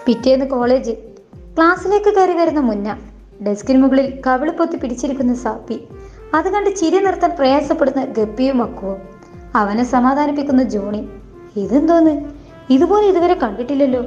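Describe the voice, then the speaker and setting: A woman reading a novel aloud in the first person, voicing every part herself in a plain, unhurried way. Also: sits high, expressive, a little mellow. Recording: dull lo-fi voice with faint music.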